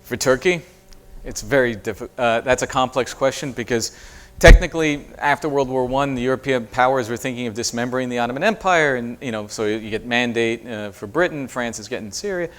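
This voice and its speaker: Lecturing man, halting and thoughtful. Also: mid-range voice, a bit bright. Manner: thoughtful, many fillers and restarts. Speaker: professor giving a lecture. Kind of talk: university lecture with audience Q&A. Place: lecture hall.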